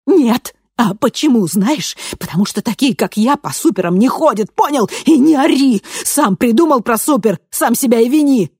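An audiobook reader voicing a timid young woman who speaks quietly and uncertainly, then shouts back shrilly. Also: medium pitch, unhurried, vocal fry, breathy edge, no echo, clean studio sound, exaggerated voice. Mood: shrieking angry. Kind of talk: audiobook character voice.

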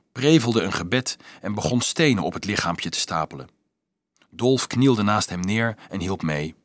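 Expressive male audiobook narrator. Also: fairly low pitch, dry recording, studio quality. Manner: expressive storytelling.

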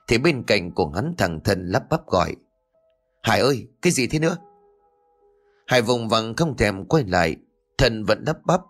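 A man narrating a horror story in a dramatic, tense read. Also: fairly low pitch. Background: faint music.

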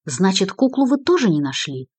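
A woman's voice: mid-range voice, big pitch swings, normal speed, a little mellow, husky, no echo. A woman reading the lines of a firm male police officer who speaks curtly and commandingly. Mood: stern. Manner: curt, commanding.

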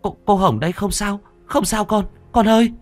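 A man voicing a frantic middle-aged mother who scolds in a shrill voice and then turns grave, in a told ghost story. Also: moderate pace, a little mellow, no echo, faint music behind, close to an everyday voice.

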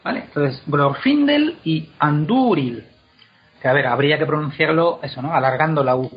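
A man explaining pronunciation in a casual, animated way, drawing words out slowly to demonstrate them. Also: on the high side, husky, faint music behind. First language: Spanish. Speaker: guest explaining Elvish pronunciation. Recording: dull lo-fi podcast recording.

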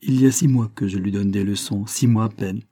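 A man's voice: fairly low pitch, a little fast, dark tone, slightly rough, no echo, studio quality. A man reading the lines of an earnest, grave young widowed mother in a story.

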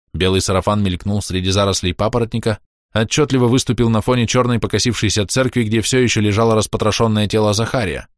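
A man reading a dark story aloud in a measured, tense audiobook style. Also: on the low side, no echo, clean studio sound. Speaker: audiobook narrator.

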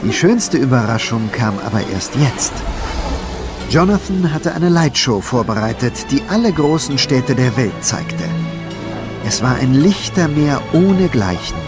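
A man narrating a children's storybook audiobook in an even, lively storytelling tone. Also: medium pitch, measured pace. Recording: narration over film music.

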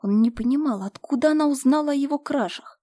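A woman narrating a novel in an even, measured way. Her voice sits a little high. The recording is dry and close-miked. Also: dry recording. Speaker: audiobook narrator. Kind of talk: scripted narration.

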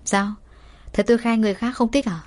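A woman's voice: on the high side, fairly even intonation, a little fast, a little mellow, lightly acted. A woman voicing a stubborn, joking young man in her own plain voice. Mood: teasing. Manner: flippant, joking.

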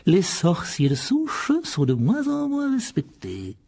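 A man's voice: sits high, huge pitch swings, gravelly, darkish tone, breathy edge, voice pushed up, exaggerated voice. A man doing a fawning, oily shopkeeper. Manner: unctuous, drawn-out, swooping delivery. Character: oily fawning middle-aged male shopkeeper.

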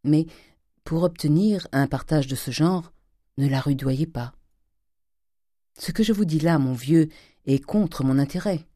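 A reader plays an old village notary in this audiobook, shrewd and confiding as he reasons his case. The voice stays mellow and even, recorded close and dry. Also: mid-range voice, unhurried, pauses often, dry recording, natural voice. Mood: persuasive. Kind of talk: audiobook character voice.

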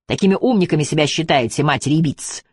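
A man's voice: a little high, fast, husky, no room sound. A man voicing a furious, taunting Chinese man in an audiobook, spitting out threats. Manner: spiteful, shouting threats.

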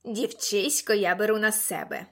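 A woman's voice: medium pitch, normal speed, gravelly, a bit bright. A woman doing a hissing, gloating villain. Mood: gloating threat. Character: sly, hissing rat-faced male villain.

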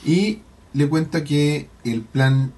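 A man's voice: on the high side, slow, dark tone. A man with a Chilean accent hosting a podcast, recapping an episode in a rambling, slangy casual chat. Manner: slangy, rambling, full of colloquial swearing. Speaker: podcast host.

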